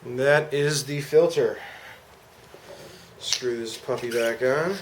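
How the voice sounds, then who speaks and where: A man's voice: medium pitch, slow. A man giving a casual, slangy product demonstration as an amateur reviewer. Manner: informal, slangy. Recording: clear background noise.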